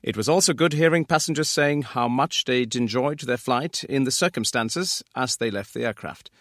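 A man's voice: mid-range voice, moderate pace, fairly bright tone, no room sound, natural voice. Man playing composed airline captain, dry recording. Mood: composed, appreciative. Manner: composed, orderly address. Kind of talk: scripted language-lesson dialogue, crew debriefing.

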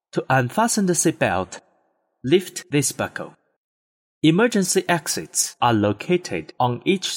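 A man delivers formal in-flight safety instructions, his pitch moving freely up and down. A long reverb trails behind each phrase. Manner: formal, even announcement delivery. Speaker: cabin announcement reader. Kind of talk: scripted in-flight announcement.

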